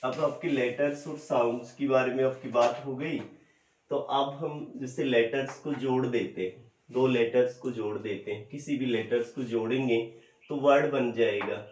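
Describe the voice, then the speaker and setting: A man teaching English grammar in a slow, explanatory classroom lecture, mixing in English terms. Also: medium pitch, steady tone, slight background noise. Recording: echoey lo-fi room recording.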